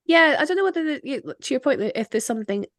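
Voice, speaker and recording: A woman's voice: high-pitched, animated, quick pace, fairly bright tone, dry recording, studio quality. A young adult woman hosting a podcast, retelling a film scene by scene in casual chat and acting out the characters' lines with lots of laughter. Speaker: podcast host.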